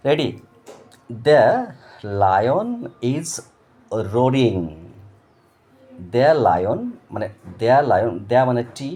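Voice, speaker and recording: A man tutoring young children in English grammar, patient, spelling words out letter by letter and repeating them slowly. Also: medium pitch, a little mellow, slight background noise.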